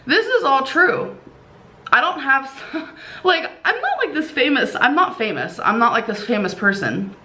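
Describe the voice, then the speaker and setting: A tired woman records a casual storytime vlog. Her voice is fairly high and bright, with lots of swing in pitch. She rambles chattily, dishing out her tale like gossip. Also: big pitch swings, measured pace. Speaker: online video creator.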